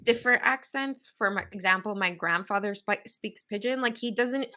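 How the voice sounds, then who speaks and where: A woman's voice: medium pitch, normal speed, bright, forceful tone. A woman from Hawaii with a Valley Girl accent, co-hosting a podcast discussion in an earnest, reflective way, often checking in with "right?". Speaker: podcast co-host. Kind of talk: casual discussion.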